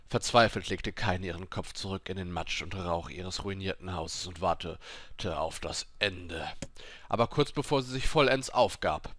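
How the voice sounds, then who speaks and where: Field: bright-voiced male story reader. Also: low voice, slight background noise. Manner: steady dramatic storytelling reading. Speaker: let's play narrator. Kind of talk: reading game story aloud.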